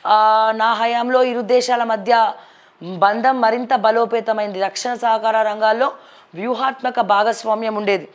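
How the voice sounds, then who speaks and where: A female news presenter with a distinctly high voice and a Telangana accent reads headlines, speaking a little slowly in a steady tone. She comments on the stories in a conversational, opinionated manner, sprinkling in English words.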